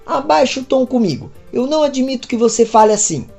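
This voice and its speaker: Woman reading upset young wife, pleading, lively pitch, mellow tone. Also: brisk, gravelly, faint music behind. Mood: distressed. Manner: anxious, pleading.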